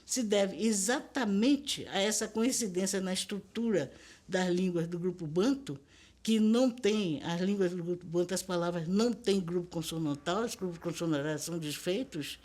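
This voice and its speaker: A woman's voice: lowish voice, a little mellow. Older Bahian woman lecturing emphatically. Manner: emphatic, lecturing, asks rhetorical questions. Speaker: linguist interviewee. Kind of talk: documentary interview.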